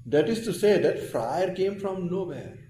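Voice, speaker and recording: A man's voice: high voice, expressive, measured pace, dark tone. A man with an Indian accent giving a spiritual lecture as a teacher of scripture, explaining with emphatic phrasing. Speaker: Vedanta teacher. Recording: roomy echo with faint background noise.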